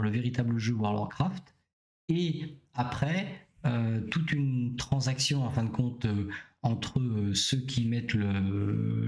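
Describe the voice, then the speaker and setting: A man hosting a live stream, explaining in a casual, rambling way with many pauses and fillers. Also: mid-range voice, a little mellow. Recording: echoey room.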